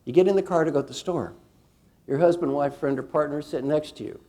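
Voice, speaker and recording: An older man, a leadership coach, runs an interactive seminar for an audience, speaking fast in a voice on the high side. He is animated and teasing, quizzing the audience with questions and acting out quotes.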